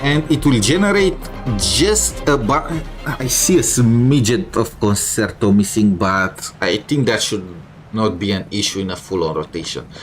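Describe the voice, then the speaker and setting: A gamer with a lowish voice and lively intonation speaks a little slowly while streaming his playthrough. He thinks aloud in casual, somewhat grumbly commentary as game music plays.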